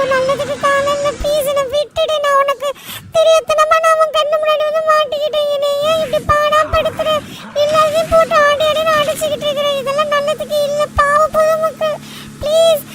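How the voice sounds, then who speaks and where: A voice actor playing a frightened cartoon boy begging someone to leave his body and spare people. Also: extremely high pitch. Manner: pleading, panicky. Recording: distant voice under loud game noise.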